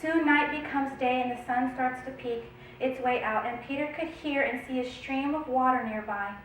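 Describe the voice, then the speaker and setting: A woman casually reading out and telling a long dream to her viewers, often stopping to check in with a quick "okay?". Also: sits high, a bit bright, heavy reverb, recorded from a distance, a little hiss or hum, poor audio. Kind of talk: casual storytelling narration.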